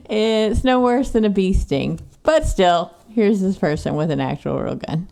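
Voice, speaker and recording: A woman from Texas, chatting through a book recap in a casual podcast. Her voice is mellow and dark, and she swears freely and sarcastically. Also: mid-range voice, vocal fry. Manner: profane, sarcastic. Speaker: podcast co-host.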